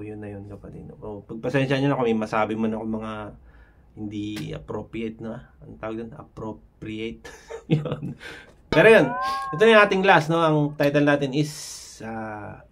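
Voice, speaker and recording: A man's voice: lowish voice, a little fast. Rambling man giving casual advice. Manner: rambling, fillers, frequent tag questions. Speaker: vlogger sharing anxiety tips. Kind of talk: casual talk to camera.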